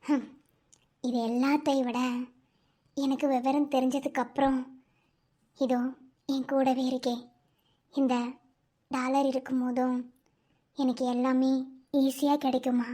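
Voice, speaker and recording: Young orphan woman, cartoon, soft, emotional, high voice. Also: little pitch movement, a little slow, pauses often. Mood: tender. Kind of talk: animated cartoon dialogue.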